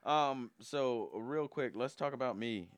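A man's voice: medium pitch, a little slow, clean tone, no room sound. A young man from Alabama co-hosting a podcast, chatting casually in a laid-back, joking way and swearing freely. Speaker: podcast co-host. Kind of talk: casual banter.

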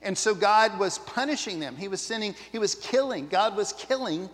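A man's voice: sits high, lively intonation, normal speed, fairly bright tone, long reverb tail. A man preaching a sermon as a pastor, talking in a conversational, earnest way with asides to the congregation.

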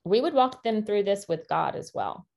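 A woman co-hosting a casual faith-based parenting podcast, talking in an earnest, encouraging way with quick asides. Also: mid-range voice, lively intonation, creaky, a little mellow. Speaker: podcast co-host.

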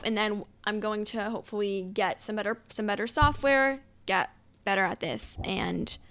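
A woman's voice: a little high, fairly bright tone, no echo. Impassioned young woman podcaster, dry sound. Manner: impassioned, quick asides and restarts. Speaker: podcast host. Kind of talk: solo political commentary podcast.

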